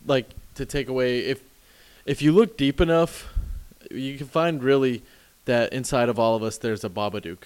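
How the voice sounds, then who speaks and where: A man's voice: medium pitch, normal speed, clean tone. A man co-hosting a podcast, joking dryly in a casual movie discussion. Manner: dry jokester, shouts gag lines. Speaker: podcast co-host.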